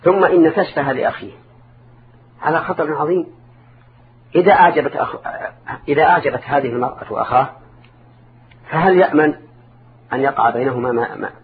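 Older man, Islamic scholar, formal Arabic, didactic, emphatic repetition, medium pitch, narrow-band noisy recording. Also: fast talker, long pauses. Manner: didactic, repeats and rephrases for emphasis. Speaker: Islamic scholar answering listeners' questions. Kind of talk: religious counsel, spoken formal Arabic. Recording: narrow phone-like band, clear background noise.

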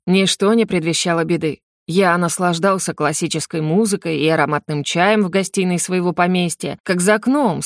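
Audiobook narrator, woman, lively ironic delivery, dry booth sound. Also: lowish voice, no echo. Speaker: audiobook reader. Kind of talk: scripted narration.

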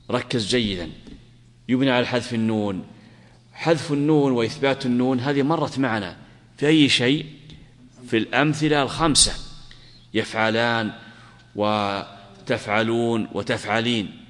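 A middle-aged man teaching a grammar lesson to students, asking them questions, repeating key words and stressing examples loudly. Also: mid-range voice. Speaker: sheikh teaching Arabic grammar. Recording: long reverb of a lecture hall.

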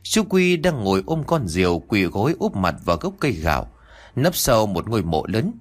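A man narrating a rural ghost story in an expressive, dramatic storytelling manner. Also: lowish voice, normal speed.

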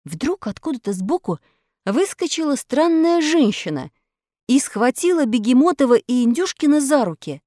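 A woman narrating a children's story in a lively, expressive way. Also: sits high, moderate pace, dry recording, studio quality.

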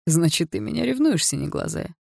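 A woman voicing a cocky, mocking teenage boy with a low, smooth, laid-back drawl. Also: level tone, normal speed, dark tone, dry recording, studio quality. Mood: teasing.

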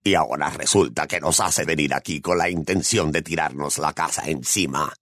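A harsh, menacing Death Eater voiced by a man in an audiobook. The voice sits extremely low and gravelly, every line a sneering threat. It is recorded dry and close. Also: a little slow, no room sound, full character voice. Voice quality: rough, gravelly. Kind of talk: audiobook narration.

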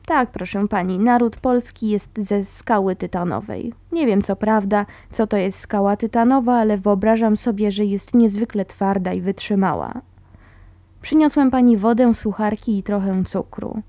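A worn-out young soldier, shy and deferential, addressing his old teacher with apologetic courtesy, as a woman narrator puts him on. The voice sits a little higher than the narration and stays mellow, with a close, dry sound. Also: normal speed, dry recording, lightly acted. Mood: polite. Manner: respectful, apologetic. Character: exhausted young male insurgent, polite and shy.

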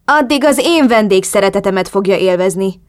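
A woman's voice: medium pitch, fairly even intonation, darkish tone, close to an everyday voice. A woman reading an audiobook voices a domineering male crime boss who speaks with dry, mocking politeness. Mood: ironic.

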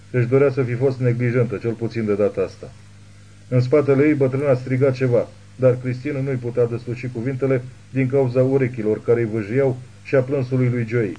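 A man reading a thriller novel aloud as an audiobook narrator, in steady scripted narration. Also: mid-range voice, low-quality recording.

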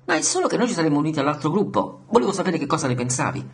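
A man voicing an eager, friendly young man, lively and coaxing. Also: a little high, very fast, gravelly, voice pushed up.

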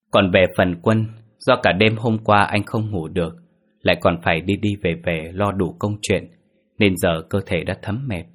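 A man narrating a horror story in a steady, measured storytelling voice. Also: sits low, breathy edge.

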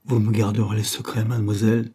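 A man's voice: on the low side, completely flat delivery, fast talker, warm tone, husky. A man voicing a startled, cowardly young man in an audiobook reading, speaking in a nervous, defensive way. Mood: anxious.

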